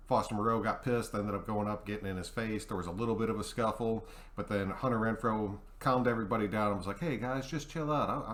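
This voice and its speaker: A man's voice: lowish voice, a bit bright. An American man hosting a sports fan channel, talking to viewers in a hyped, emphatic, casual way with some mild swearing. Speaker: host of a football fan channel.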